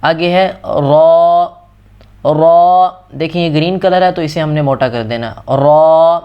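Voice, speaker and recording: A man teaching Quran reading in a patient step-by-step lesson, slowly repeating and stretching out each letter. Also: a little high, clean tone, highs cut off.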